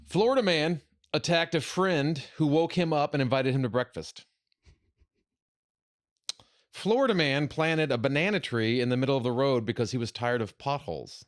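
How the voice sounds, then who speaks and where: A man's voice: medium pitch, normal speed, no room sound, clean studio sound. A man in his late forties co-hosting a podcast, joking in casual chat and reading headlines aloud for a game. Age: 40s. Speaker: podcast co-host.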